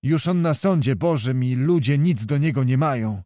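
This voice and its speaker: A man's voice: mid-range voice, normal speed, warm tone, no echo, clean studio sound, lightly acted. A man voicing a small, stern knight in armor.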